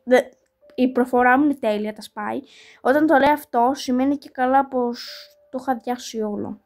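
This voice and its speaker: A woman's voice: fairly high pitch, darkish tone. A woman hosting her own channel, casually talking through each move of a puzzle game and poking fun at herself. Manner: chatty, thinks aloud about each move, repeats words like "here" and "no"; self-mocking and apologetic toward viewers. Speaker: channel host playing a mobile game. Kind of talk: casual gameplay commentary.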